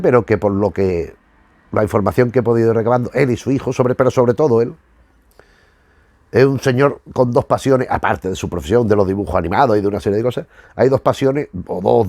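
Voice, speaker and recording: This YouTube host, reviewing retro cartoons, offers loose commentary that strays and returns as he reworks phrases to find the right one. His voice has average pitch, vocal fry and a darkish tone, recorded very dry with no room sound.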